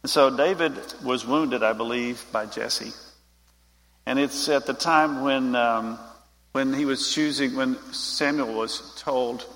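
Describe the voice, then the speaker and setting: A man's voice: mid-range voice, takes it slowly, a bit bright, long reverb tail, poor audio. A man giving an informal Bible teaching, talking straight to his group in a conversational way.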